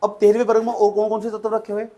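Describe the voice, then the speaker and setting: High-voiced male chemistry teacher. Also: completely flat delivery, rapid-fire, warm tone. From India. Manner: repetitive, coaxing, asks students questions. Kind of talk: classroom lecture dictating notes.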